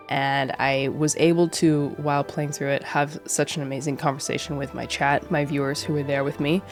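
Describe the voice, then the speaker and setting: A low-voiced woman who streams and creates videos gives casual, reflective commentary to camera while nursing a head cold that makes her a bit nasal. She's earnest and rambling, restarting often and using many fillers. Faint music plays in the background.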